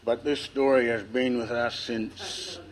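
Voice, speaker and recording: A man with an Australian accent and a lisp tells family history informally to listeners, nervous and halting, with a dry mouth. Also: medium pitch, slight background noise. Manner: nervous, halting delivery with long pauses. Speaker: speaker telling family history. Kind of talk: informal public speech, oral storytelling.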